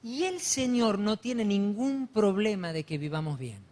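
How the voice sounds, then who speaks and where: A man preaching a sermon, building to loud, fervent emphasis. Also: high-pitched, sing-song, measured pace. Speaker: pastor. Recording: long hall reverb.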